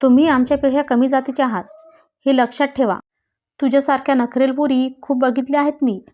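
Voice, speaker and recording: A woman's voice: sits high, level tone, brisk, lightly acted. Woman reading as an angry scolding mother. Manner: shouting scolding.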